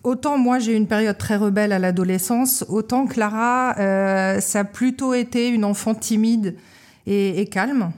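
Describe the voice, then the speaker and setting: A woman in her thirties from Paris talks about her life in a casual interview. She sounds a little tired and hesitates a lot, with fillers and false starts. Her voice sits at a middle pitch. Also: moderate pace, darkish tone. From Paris, France. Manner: hesitant, many fillers and restarts. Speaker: guest, love-shop co-owner. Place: small shop.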